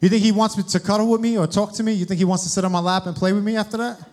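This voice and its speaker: A man's voice: high-pitched, steady tone, rapid-fire, a little mellow. A young man preaching a sermon, addressing the congregation directly with questions. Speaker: guest preacher.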